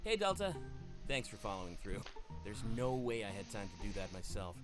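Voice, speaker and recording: A man's voice: lowish voice, very animated, brisk. An actor playing a busy, resigned but easygoing male writer in a video game. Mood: resigned, friendly. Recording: music playing behind the voice.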